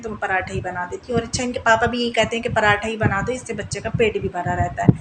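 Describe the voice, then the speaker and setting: A woman's voice: on the high side, noisy background. A woman in her thirties, a mother narrating a home vlog voice-over in a chatty way and often laughing at her own slips. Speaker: vlogger, mother. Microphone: voice-over mic.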